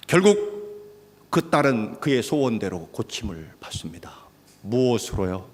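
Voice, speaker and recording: A male pastor preaching a sermon, swinging between loud exhortation and hushed, quiet passages. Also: mid-range voice, sing-song, moderate pace. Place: church sanctuary. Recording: long hall reverb.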